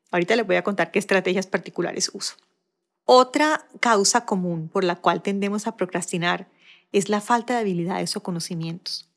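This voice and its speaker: A middle-aged woman with a Barranquilla Colombian accent hosting a coaching podcast, talking quickly in a conversational style with self-deprecating asides. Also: medium pitch. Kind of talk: solo podcast monologue.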